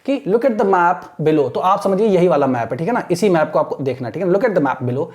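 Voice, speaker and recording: A man with an Indian accent teaching an exam-prep lesson, mixing Hindi and English, reading slowly and deliberately and repeating words for his students. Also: high voice, lively intonation, a little mellow. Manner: slow, deliberate reading aloud with repeated words and frequent "theek hai na".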